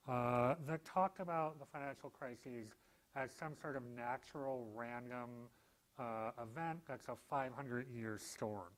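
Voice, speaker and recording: A man's voice: medium pitch, low-quality recording. Dry-humored male law professor lecturing. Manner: dry, self-deprecating humor with frequent fillers. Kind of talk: public lecture.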